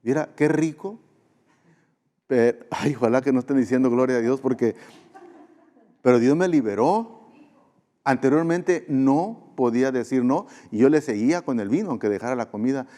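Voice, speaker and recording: Mexican pastor guy preaching, mellow dark voice, lots of hall reverb, earnest and repeats stuff for emphasis. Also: medium pitch, moderate pace, long pauses. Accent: Mexican Spanish. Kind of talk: sermon. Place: church sanctuary. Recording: long church hall reverb.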